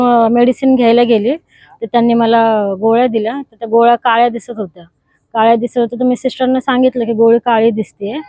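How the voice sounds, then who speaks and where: A woman recounts what happened to her in a halting, hesitant way. Her voice is slightly high and mellow, and the recording sounds dull and lo-fi. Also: no echo. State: pregnant. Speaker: patient interviewed. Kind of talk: spontaneous testimony. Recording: dull lo-fi audio.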